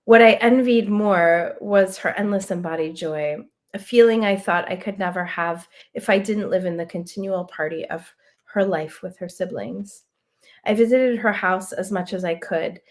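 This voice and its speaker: This is a woman with a medium-pitched voice reading from her own literary prose on a video call. Her delivery is gentle and unrushed, broken up now and then by offhand remarks.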